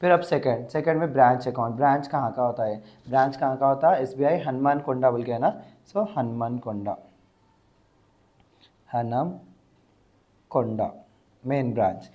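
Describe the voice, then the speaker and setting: A man teaching an exam-prep grammar lesson, explaining step by step and repeating words slowly to dictate. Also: medium pitch, a little mellow.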